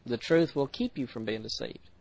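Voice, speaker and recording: An American man preaching a sermon, earnest, slowing down to read scripture and speeding up for quick asides. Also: medium pitch, a little mellow, no room sound, rough recording. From United States. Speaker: pastor.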